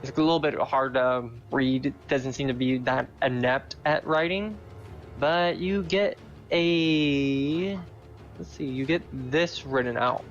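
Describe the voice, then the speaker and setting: A man running a tabletop game as game master, narrating calmly in a measured way. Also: mid-range voice, soft background music. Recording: dull lo-fi mic.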